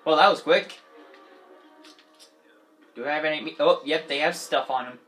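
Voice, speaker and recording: A gaming channel host giving excitable, chatty, playful gameplay commentary. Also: mid-range voice, normal speed, soft background music.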